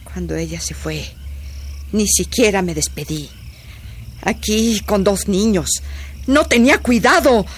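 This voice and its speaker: An actress in a radio drama playing an older, loyal housekeeper who speaks in a deferential, pleading way. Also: female voice, medium pitch, a little slow, long pauses, slight background noise, lightly acted. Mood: grim remembering. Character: older female housekeeper, loyal, anxious, protective.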